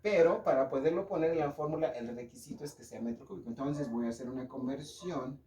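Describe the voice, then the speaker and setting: A man's voice: medium pitch, fast talker, mellow. A man with a Mexican Spanish accent teaching a physics lesson, explaining step by step and checking in with his students. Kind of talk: classroom lecture. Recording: echoey room.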